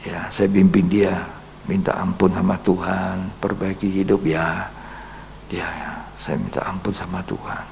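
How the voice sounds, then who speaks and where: Gravelly man preaching in a reverberant hall. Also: low-pitched, flat delivery, measured pace. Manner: storytelling, quotes people in a hushed voice, then rises to forceful exhortation. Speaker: pastor. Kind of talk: Bible study sermon. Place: church hall. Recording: long reverb in a church hall, faint hum.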